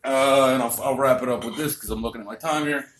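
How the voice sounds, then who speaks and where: A man's voice: medium pitch, quick pace, fairly bright tone, soft background music. A man doing a crude, vulgar, rambling stand-up comedy set on a club stage. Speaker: stand-up comic. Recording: roomy club, distant mic, faint noise.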